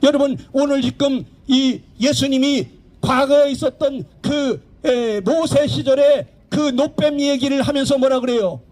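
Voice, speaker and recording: A preaching man with a strikingly high voice delivers an outdoor evangelistic sermon. He presses his points emphatically and keeps asking rhetorical questions. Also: unhurried, a little mellow. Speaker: pastor, street evangelist. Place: outdoor public park.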